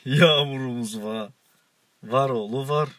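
A man's voice: medium pitch, measured pace, a bit bright, no echo. A man co-hosting a casual chat show, teasing, giggling and cutting in. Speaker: co-host.

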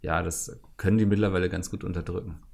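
Man, gravelly fry in the voice, casual podcast chat, glitchy peaking mic. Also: deep voice, fairly even intonation, fast, a little mellow. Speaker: podcast co-host.

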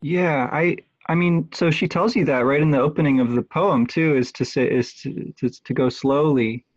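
A man in a relaxed conversation, thinking aloud about a poem with frequent pauses and restarts. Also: fairly high pitch, no room sound. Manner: hesitant, many restarts and ums. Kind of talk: thoughtful conversational close reading. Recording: dull lo-fi dry sound.

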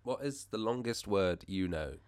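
A man's voice: lowish voice, expressive, moderate pace, no room sound. A young man talking casually as a podcast co-host. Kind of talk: casual chat.

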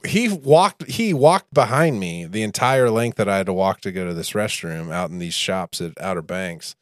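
A man with a fairly low voice co-hosts a casual podcast. He tells a rambling family anecdote in a relaxed, good-humored way. The sound is dry and close. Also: moderate pace, no echo. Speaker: podcast co-host.

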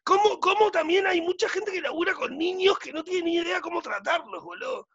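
A man's voice: very high voice, a little fast, creaky, no echo, dull audio. A man with a Uruguayan accent, co-hosting a talk show and telling a story in casual chat, full of slang. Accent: Uruguayan Spanish. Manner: animated storytelling, frequent slang. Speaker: radio show co-host.

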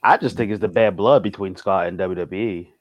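A man's voice: on the low side, a little fast. A man in a casual wrestling chat, agreeable and teasing.

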